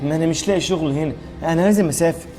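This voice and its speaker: A man's voice: a little high, natural voice. A man playing a weary evasive father. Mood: tender. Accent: Egyptian Arabic. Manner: fast, hesitant stammers. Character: troubled father, tired, evasive, tender with daughters. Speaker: actor. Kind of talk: scripted web family drama. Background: background music.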